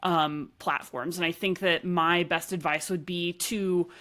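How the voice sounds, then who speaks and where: A woman with an Arkansas accent speaks in a conversational interview style. Her voice sits a little on the low side, and she talks as a podcast guest would. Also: steady tone, a little slow, fairly bright tone. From Arkansas, United States. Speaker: podcast guest, author and running journalist.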